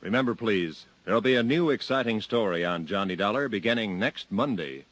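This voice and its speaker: A man's voice: fairly low pitch, lively intonation, brisk, fairly bright tone, no echo. A man reading the closing credits as a formal, polished 1950s radio announcer. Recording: old radio broadcast with music.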